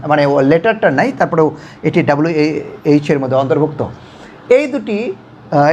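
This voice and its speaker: A woman teaching English pronunciation in a video lesson, explaining patiently and repeating each model word slowly so viewers can copy it. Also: mid-range voice, a little mellow, a little hiss or hum.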